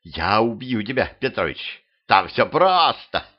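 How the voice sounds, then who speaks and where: A man's voice: lively intonation, normal speed, husky, muffled recording. A man voicing a hot-tempered young female vampire who snaps and panics. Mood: furious. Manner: shrill and panicky.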